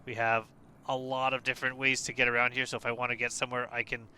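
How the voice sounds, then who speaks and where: A man's voice: mid-range voice, fast talker, clean tone. Tired man walking through a game update. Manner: relaxed, hesitant, many fillers and restarts. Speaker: gaming video creator. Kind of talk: casual gameplay walkthrough.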